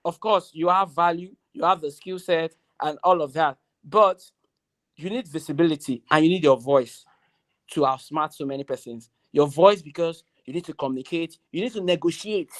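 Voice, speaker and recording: At a graduation ceremony, a young adult with a Nigerian accent delivers a motivational speech, loud and emphatic, repeating key phrases. The voice sits at a medium pitch and moves at a moderate pace.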